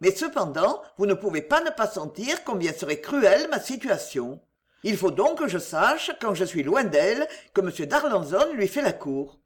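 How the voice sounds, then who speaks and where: A woman reading a storybook and voicing an earnest young man, speaking in a measured way. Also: medium pitch, very animated, lightly acted. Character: earnest young male suitor.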